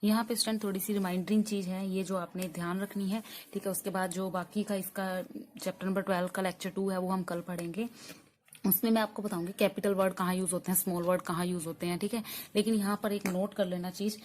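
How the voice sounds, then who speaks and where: Casting note: woman teacher, mid-pitched voice, patient step-by-step drilling, faint hiss behind her. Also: level tone, a little mellow. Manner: explains step by step, often asks and answers her own questions; drills sounds slowly with frequent 'theek hai' checks. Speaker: spoken English teacher. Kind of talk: classroom lesson.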